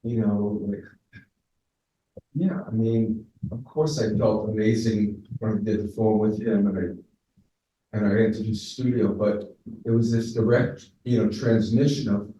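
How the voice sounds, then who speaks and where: A man pays his respects in a spoken tribute, halting often and filling the gaps while he searches for words. His voice is low and warm. He sounds far from the mic in a strongly echoing room. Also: fairly even intonation, muffled recording. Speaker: former student paying tribute. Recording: very echoey, distant from mic.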